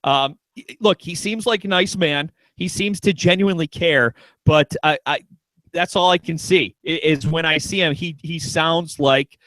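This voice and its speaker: A man with a slightly high voice hosts a casual talk radio show, joking around and stammering as he keeps restarting his sentences. He talks at a normal speed with a fairly bright tone, and the recording is rough but free of echo.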